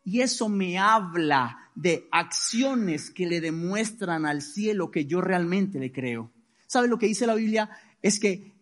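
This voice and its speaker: A man preaching a sermon, emphatic and leading the congregation in responses. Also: high-pitched. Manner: emphatic preaching, calls for responses, varies volume widely. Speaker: pastor.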